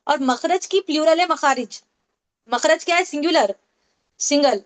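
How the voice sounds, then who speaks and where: A woman teaching a Tajweed class online, explaining step by step, asking the class questions and repeating key points. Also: sits high. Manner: explains with questions and repetition, mixes English terms. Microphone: online meeting call.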